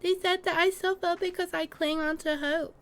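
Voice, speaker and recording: A woman voicing a frightened, tearful young female refugee in a fantasy game, halting and plaintive. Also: very high voice, steady tone, a bit bright. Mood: tearful, shaken. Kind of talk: hammy fantasy game voice-over.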